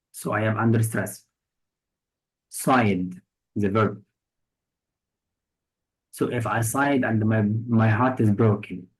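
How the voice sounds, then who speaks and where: A man's voice: on the low side, rough recording. A man teaching English vocabulary for test prep with an Egyptian accent, patiently explaining each word through examples and synonyms.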